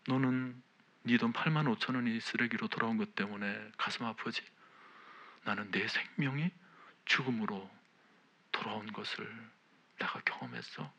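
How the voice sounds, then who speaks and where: Hushed, tender male divine voice put on by a pastor, low and forceful underneath, half whispered, sorrowful. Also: normal speed, gravelly, pauses often, highs cut off, exaggerated voice. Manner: soft, hushed, partly whispered. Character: God as a gentle, sorrowful male inner voice.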